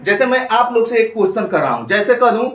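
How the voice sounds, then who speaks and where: A man's voice: high-pitched, expressive, fast talker, a bit bright, reverberant, distant mic. A man teaching spoken English, drilling each point with repeated questions and answers in a classroom style. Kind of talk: classroom grammar lesson.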